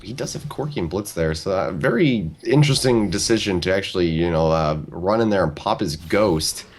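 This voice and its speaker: A man calling a video game match as a play-by-play commentator, talking rapidly like an auctioneer. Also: low-pitched, expressive, slight background noise. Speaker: esports commentator.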